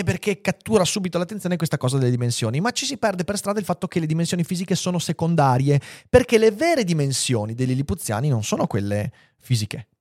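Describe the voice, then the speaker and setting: An expressive man giving a casual spoken lecture, his voice rising and falling a lot as he speeds up and slows down. The sound is dry and close to the mic, with no room around it. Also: on the high side, dry recording. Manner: animated, expressive, shifting pace and loudness freely. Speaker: host of a philosophy and literature channel. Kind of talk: casual spoken lecture with read-aloud passages.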